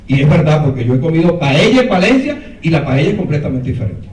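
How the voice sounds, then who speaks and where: A man's voice: on the high side, very animated, quick pace, darkish tone. A Venezuelan man giving an emphatic conference talk, repeating his key words. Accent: Venezuelan Spanish. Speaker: lecture speaker. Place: lecture hall. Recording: echoey hall, far from the mic.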